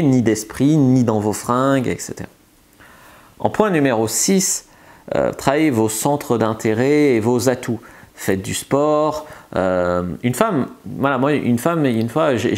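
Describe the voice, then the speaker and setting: A seduction coach with a darkish, mid-range voice delivers a casual advice monologue to camera. He's chatty and loose, often restarting and filling pauses with filler words.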